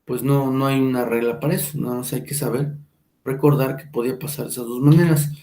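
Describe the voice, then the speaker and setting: A male teacher giving a slow lecture, checking in with his listeners by asking whether they follow and drawing out each example word. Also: medium pitch, steady tone, vocal fry, mellow, roomy sound. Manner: drawn-out, careful enunciation of example words.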